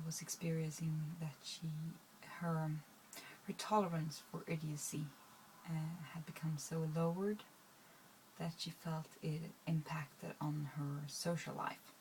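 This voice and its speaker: Poor audio with slight background noise captures a Swedish-born vlogger addressing her viewers. She has a low-pitched, darkish voice and talks casually, wandering and hesitating with lots of fillers and restarts.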